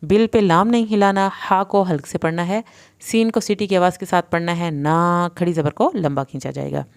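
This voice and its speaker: Patient woman teaching slow recitation. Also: lowish voice, fairly even intonation. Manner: patient, step-by-step explaining, drawn-out recitation. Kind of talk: tajweed lesson with slow recitation.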